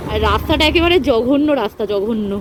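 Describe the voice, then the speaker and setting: Chatty high-voiced woman vlogger. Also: expressive, quick pace, very noisy. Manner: chatty, addresses viewers as friends. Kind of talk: casual travel vlog narration.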